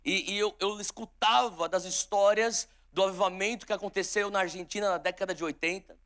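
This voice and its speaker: Bright, fervent preaching man from São Paulo. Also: high voice, fairly even intonation, fairly quick, smooth. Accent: São Paulo Brazilian Portuguese. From São Paulo, Brazil. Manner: fervent, exhorting, with restarts. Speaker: pastor. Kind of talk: live sermon and led prayer. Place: large church auditorium with live audience.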